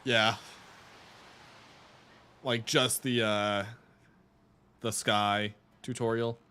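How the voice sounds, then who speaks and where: A man's voice: on the low side, level tone, extremely slow, sharp tone, clear, resonant tone. A young man chatting casually while streaming a video game, rambling with restarts and laughs. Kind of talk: casual live-stream chat while gaming.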